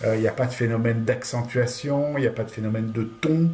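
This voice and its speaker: A man giving a relaxed lecture about a language course, talking loosely with frequent hesitations. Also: medium pitch, fast talker, a little hiss or hum. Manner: hesitant, many fillers and restarts while explaining course material. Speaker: university lecturer. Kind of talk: casual lecture commentary.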